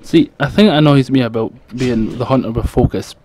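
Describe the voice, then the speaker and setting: A man's voice: fairly quick, darkish tone. A man with a thick Scottish accent giving casual, rambling commentary over gameplay. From Scotland. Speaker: gaming video creator, commentator. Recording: low-quality home mic with background noise.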